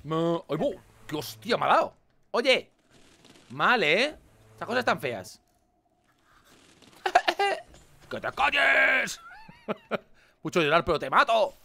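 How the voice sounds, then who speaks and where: A man with a Spain Spanish accent commenting on a game he plays, animated and swearing, with mock-dramatic outbursts. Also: fairly high pitch, normal speed, creaky. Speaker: gaming video host. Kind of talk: casual gameplay commentary.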